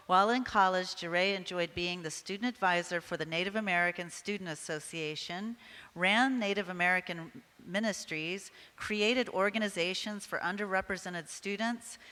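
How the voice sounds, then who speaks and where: Lady pageant announcer, lowish bright voice, formal reading, long hall echo. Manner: formal, reading prepared introductions. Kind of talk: scripted announcing. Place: event hall. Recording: reverberant hall over PA.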